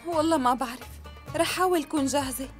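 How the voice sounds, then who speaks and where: A chatty, quick-tempered young woman from a dubbed TV drama, voiced by a woman with a Syrian Arabic accent. Her voice is high, and she talks at breakneck speed over faint music. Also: lightly acted.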